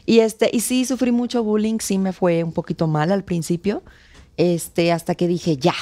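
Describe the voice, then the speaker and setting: A woman in her thirties, born in Cuba but speaking with a Mexico City Spanish accent, appears as an actress guest in a casual interview. Her medium-pitched voice moves at normal speed as she tells stories in a lively way, acting out the quotes.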